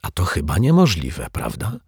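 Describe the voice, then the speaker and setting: A man voicing an embarrassed, unsure male client in a children's story, talking quietly and hesitantly. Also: low-pitched, huge pitch swings, normal speed, husky, no room sound, clean studio sound, exaggerated voice. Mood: ashamed whisper. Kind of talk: storybook character voice.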